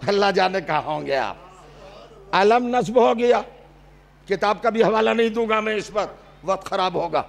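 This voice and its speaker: Very high-pitched preaching man, shouting. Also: lively intonation, gravelly, pauses often. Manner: oratorical, fires rhetorical questions at the audience and builds to shouted climaxes; drops to low, intimate asides between outbursts. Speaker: Shia cleric preaching a majlis. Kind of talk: impassioned religious sermon. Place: religious gathering before a seated audience.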